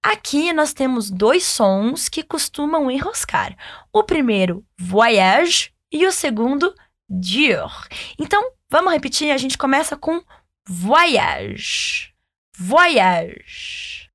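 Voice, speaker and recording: Woman, French teacher, high voice, slow and patient, repeat-after-me drills. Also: very animated, a bit bright, no echo, clean studio sound. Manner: patient, slow, models phrases for listeners to repeat.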